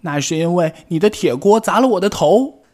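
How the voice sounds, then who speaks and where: A little frog child from a storybook who refuses to back down, played by a man. The voice is pitched high, with an odd, altered tone unlike his usual one. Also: measured pace, a little mellow. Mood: defiant. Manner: defiant, answering back. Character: young stubborn frog child.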